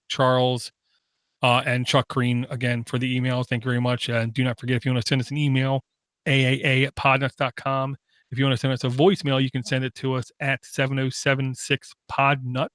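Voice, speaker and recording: A man's voice: medium pitch, smooth, no room sound, clean studio sound. A man hosting a tech podcast, wrapping up the show in a casual tone with a lot of "uh" fillers. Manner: steady, many "uh" fillers, reads out contact details. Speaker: podcast host. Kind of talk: casual sign-off chat.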